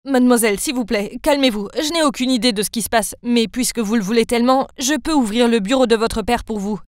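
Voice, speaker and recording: A woman voicing a calm, loyal young male assistant who speaks formally and deferentially in an animated story. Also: on the high side, fast, no echo, clean studio sound, lightly acted. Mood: pleading.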